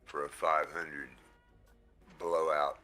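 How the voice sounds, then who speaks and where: A man's voice: rumbling low, flat delivery, takes it slowly, pushed and bright, soft background music. A man hosting a livestream through a headset mic, casual and easygoing, often thanking his viewers. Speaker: livestream host.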